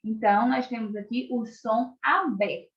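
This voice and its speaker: A Brazilian woman teaching an online lesson to young schoolchildren, speaking slowly and clearly, stretching out words and often checking in with the class. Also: on the high side, echoey room, dull audio. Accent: Brazilian Portuguese. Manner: slow, clearly articulated, stretches out words for children; keeps checking in with tag questions.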